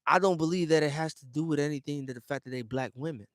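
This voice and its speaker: A young man from the United States rants casually to his viewers, heavy on slang and constantly calling them fam and bro. His voice sits a little high for a man, and he talks emphatically with loud bursts. The sound is close and dry, with no room around it. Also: quick pace, no room sound. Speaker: streamer talking to viewers. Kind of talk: casual livestream rant.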